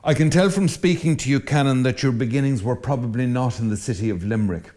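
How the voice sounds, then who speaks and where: Priest hosting, mellow and formal. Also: male voice, mid-range voice. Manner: measured, formal phrasing. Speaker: host, priest. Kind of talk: interview host.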